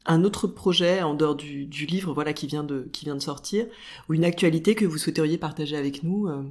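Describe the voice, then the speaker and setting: A woman hosting a podcast, asking interview questions in a soft-spoken manner. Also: low voice, brisk.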